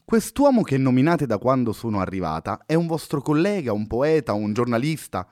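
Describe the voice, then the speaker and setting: A man's voice: medium pitch, big pitch swings, brisk, darkish tone, lightly acted. A man reading as a polite young woman. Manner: polite, formal questions. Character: young woman, curious and cautious.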